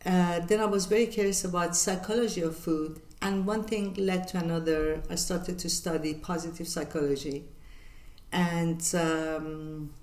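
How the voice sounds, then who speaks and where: An older woman from northern Iran with a Persian accent hosts her own channel, answering viewer questions in a reflective monologue. She sounds earnest and measured, pausing often, and her voice is on the low side with a darkish tone in a reverberant recording.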